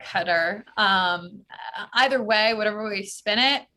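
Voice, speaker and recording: American woman, travel-expert guest; casual, filler-heavy chat, bright timbre. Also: medium pitch, normal speed. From United States. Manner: chatty, many fillers like "like" and "um".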